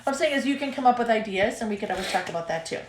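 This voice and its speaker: A woman's voice: on the high side, animated, very fast, slight background noise. A woman in her thirties co-hosting a casual live stream, chatty and bubbly, laughing often. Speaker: co-host of a live stream, chiropractor. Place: home room, at night. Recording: echoey room.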